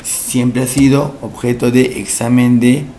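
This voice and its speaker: A male language teacher, giving a recorded lesson for entrance exams, explaining slowly, repeating each word and asking rhetorical questions. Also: medium pitch, flat delivery, dark tone, a little hiss or hum.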